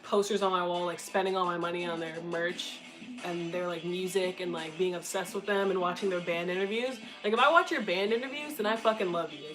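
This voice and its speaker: A woman's voice: on the low side, poor audio. A young woman chatting casually with her stream viewers, candid and swearing freely, with frequent giggles. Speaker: streamer answering viewer chat. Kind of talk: casual livestream chat.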